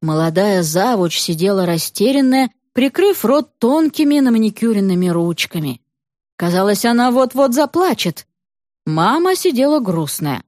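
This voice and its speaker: A woman narrating an audiobook story with an expressive, dramatic reading. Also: mid-range voice, moderate pace, no echo, studio quality.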